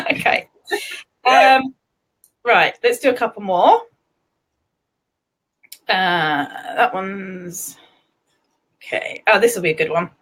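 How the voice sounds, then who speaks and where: A woman's voice: mid-range voice, animated, takes it slowly, pauses often, fairly bright tone. A woman with an English accent hosting a casual live-stream chat, giggly and chatty, laughing often. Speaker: host.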